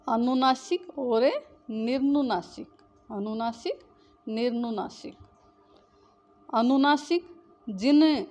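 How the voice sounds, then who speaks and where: A woman teaching Hindi grammar, who asks the class questions and answers them herself, repeating the key terms. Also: on the high side. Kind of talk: classroom lesson.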